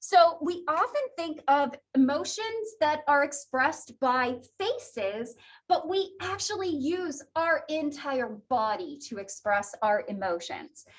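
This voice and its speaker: A psychology instructor, a woman with a high, animated voice, teaches a class slowly in a chatty, conversational lecture style. She laughs often.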